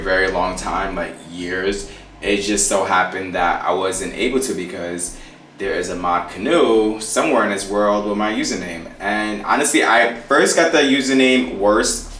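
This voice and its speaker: A man's voice: low-pitched, slight background noise. A man in his late twenties answering fan questions in a casual, playful, confident vlog. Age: 20s. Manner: chatty, confident, playful, animated. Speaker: vlogger. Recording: echoey room, mic at a distance, faint music.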